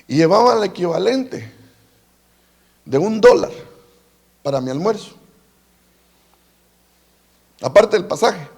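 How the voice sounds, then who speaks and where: Male preacher, high voice, halting sermon storytelling. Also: sing-song, creaky, a little mellow, breathy edge. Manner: storytelling with many repetitions and restarts. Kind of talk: sermon testimony.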